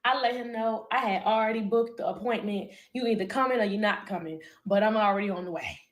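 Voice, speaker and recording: A woman's voice: medium pitch, fast. Candid woman telling a story. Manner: candid, animated, profane storytelling. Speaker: vlogger. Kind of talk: storytime vlog.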